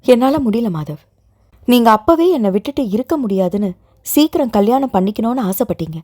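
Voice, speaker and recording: A woman's voice: a little high, animated, fairly quick, warm tone, no room sound, clean studio sound. A woman voicing a young woman in love who speaks with pleading emotion. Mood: sorrowful. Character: young woman, tearful guilt-ridden heroine.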